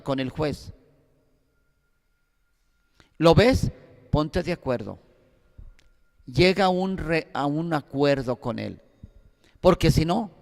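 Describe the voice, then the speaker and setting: Sacerdote mexicano dando clase bíblica, voz algo aguda y rasposa, tono exhortativo, sala con eco largo. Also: male voice, a little high, big-room sound. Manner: earnest, exhortative, anecdotal. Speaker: priest teaching a Bible course. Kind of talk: Bible class lecture.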